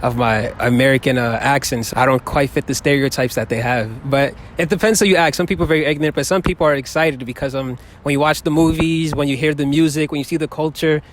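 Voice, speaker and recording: A young man from the Bronx, New York, talks quickly with few pauses in a medium-pitched voice during an outdoor street interview in a city park plaza. An animated storyteller who laughs often, he speaks into a handheld phone held up to him, with faint city noise around.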